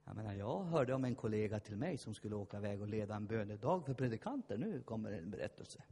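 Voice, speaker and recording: A man's voice: medium pitch, breathy edge. A man preaching a fervent sermon, telling stories and acting out the voices in them. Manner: fervent, storytelling, acts out voices. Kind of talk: lively sermon with shouted peaks. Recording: long hall reverb.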